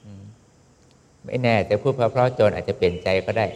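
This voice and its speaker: A calm male preacher gives a Buddhist sermon in a measured, steady way. His voice sits low and speaks straight to his listeners. A long reverb trails behind every phrase.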